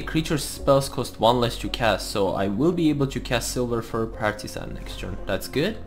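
A man giving casual gameplay commentary, thinking aloud as he plays. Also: mid-range voice. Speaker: host of a card game let's play series. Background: music.

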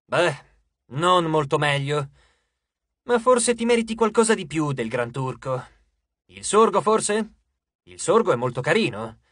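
A man's voice: a little high, animated, measured pace, long pauses, a bit bright, dry recording, clean studio sound. A man voicing a haughty, capricious male god who lectures and scorns, in an audiobook character reading with a breezy, dismissive manner. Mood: scornful.

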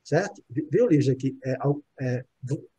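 A man's voice: medium pitch, expressive, measured pace, warm tone, husky. A man teaching English casually to a group, modeling words and explaining, often checking in with the class.

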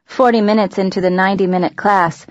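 Brief: female audiobook narrator, dry wit, mid pitch, dull and dead recording. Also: fairly even intonation, quick pace, no echo. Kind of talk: scripted narration.

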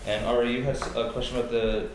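A man chairing a public board meeting, talking in halting bursts with frequent restarts. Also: mid-range voice, flat delivery. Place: large echoey meeting room. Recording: echoey room with background noise and clicks.

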